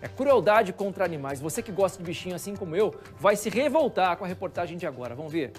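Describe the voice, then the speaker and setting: A man's voice: sits high, expressive, quick pace, soft background music. A male news anchor with a Brazilian accent, commenting in a conversational, indignant way in a TV studio, asking rhetorical questions. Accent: Brazilian Portuguese.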